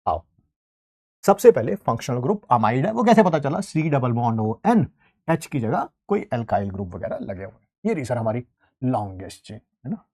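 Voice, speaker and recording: Animated playful male chemistry teacher. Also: mid-range voice, normal speed, husky. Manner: playful, teasing students while writing on the board. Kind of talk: live online class, chatty explanation.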